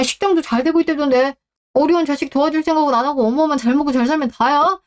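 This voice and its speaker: A woman voicing an entitled middle-aged son who whines and complains indignantly in a radio drama. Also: natural voice. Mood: pleading. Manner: whiny and indignant, voice rising high. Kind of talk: Korean radio drama acting.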